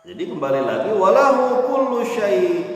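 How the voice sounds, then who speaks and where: A man's voice: high-pitched, big pitch swings, moderate pace. A man giving a casual religious sermon, chatty, asking rhetorical questions and laughing often. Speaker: preacher. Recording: echoey hall, far from mic.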